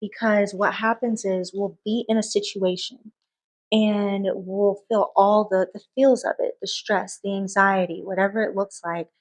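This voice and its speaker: Brief: lively woman guest in casual chat, tells stories with plenty of laughter. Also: mid-range voice, a little slow, rough recording. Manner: animated, laughs often, expressive storytelling. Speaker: guest, medical professional. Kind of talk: casual podcast conversation.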